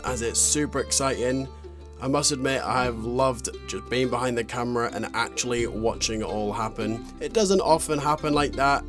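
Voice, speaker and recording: Guitar music plays clearly behind a man's voice-over. He tells the story in the first person as a vlog narrator, at a medium pitch.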